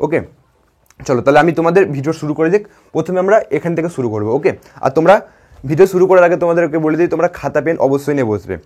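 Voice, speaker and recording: A quick-speaking man gives a grammar class to young pupils. His voice sits a little high, and he keeps repeating key terms and checking "all right?" as he goes. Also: darkish tone. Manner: repetitive, checks in with "ঠিক আছে?" often. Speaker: teacher. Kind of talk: classroom grammar lesson to children.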